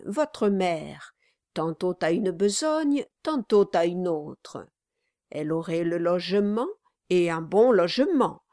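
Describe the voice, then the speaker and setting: A woman's voice: mid-range voice, a little mellow, no echo, clean studio sound. A woman voicing an oily, scheming middle-aged male lawyer in an audiobook, speaking in a honeyed, falsely cheerful way.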